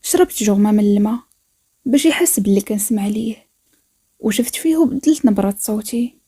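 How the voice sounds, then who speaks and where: A woman with a Moroccan accent narrating a first-person story in a soft, intimate way. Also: medium pitch, expressive, fairly quick, breathy edge.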